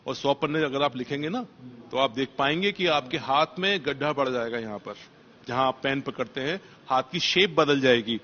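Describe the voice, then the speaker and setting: A man's voice: mid-range voice, moderate pace, sharp tone, muffled recording, slight background noise. A man, a police officer, answering interview questions in an emphatic motivational way and repeating key phrases for stress.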